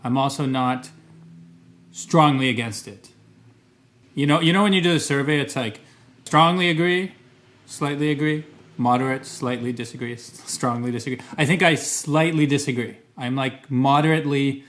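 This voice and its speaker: Talking to camera in Montreal, a Canadian man whose first language is English vlogs casually at a normal speed, with a medium-pitched, slightly bright voice. He's careful and considered, hedging often and beginning his sentences again.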